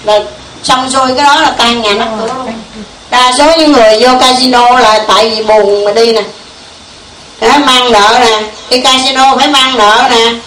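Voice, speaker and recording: A woman's voice: on the high side, steady tone, moderate pace, fairly bright tone, a little hiss or hum. A woman giving a folksy Buddhist sermon, full of rhetorical questions and small chuckles. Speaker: Buddhist preacher. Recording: echoey room from far off.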